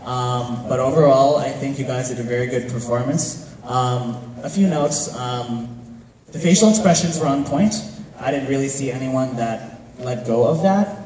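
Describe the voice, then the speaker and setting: A man's voice: medium pitch, moderate pace, a little hiss or hum. Man, dance competition judge, filler-heavy live feedback, roomy echo, far from mic. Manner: hesitant with many fillers, warmly effusive praise. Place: large hall at a live competition. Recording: echoey hall from far off.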